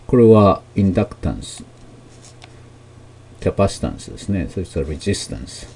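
A man gives a math lesson in a fairly low, warm, mellow voice. He explains slowly and patiently, pausing often with fillers between terms. His first language is Japanese. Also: big pitch swings, vocal fry, slight background noise. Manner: slow, explanatory, with many fillers and pauses. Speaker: math teacher. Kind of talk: lecture explaining technical English terms.

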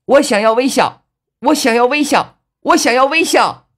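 A man voicing a shy, emotionless young woman who calls out slowly and hesitantly. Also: extremely high pitch, breathy edge, voice pushed up, exaggerated voice. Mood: straining. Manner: slow, hesitant shouting.

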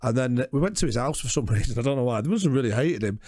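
A man's voice: mid-range voice, lively intonation, fast, darkish tone, dry recording, clean studio sound. A man co-hosting a podcast, telling rambling stories in casual chat and laughing often. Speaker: podcast co-host.

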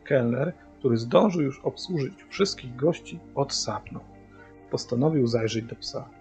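A man reading a children's book aloud as a father, with steady, even storytelling. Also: mid-range voice, a little slow. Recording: dull lo-fi audio via hearing aid, faint music.

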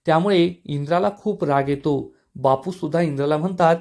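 A man giving a scripted narration that recaps a TV serial episode, telling it in a steady storytelling way. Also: on the high side, fairly quick.

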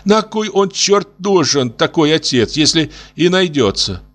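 A man voicing a calm, reassuring mother consoling her son in a storybook reading. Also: fairly high pitch, unhurried, faint music behind, pitched above the performer's own voice. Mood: soothing. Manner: gentle, reassuring, homely. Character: calm, soothing older mother.

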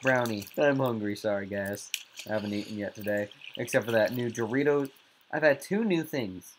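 A man giving casual, jokey gameplay commentary as a YouTuber, with sudden squeaky outbursts. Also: moderate pace, noisy background. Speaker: gaming YouTuber.

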